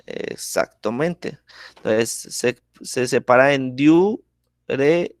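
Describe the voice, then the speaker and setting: Male teacher, slow and patient, slightly high voice, checks in constantly, dry close sound. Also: no echo. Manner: keeps checking in with the class, asking ¿listo? and ¿sí?; patient, explains step by step with examples. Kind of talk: online class lesson.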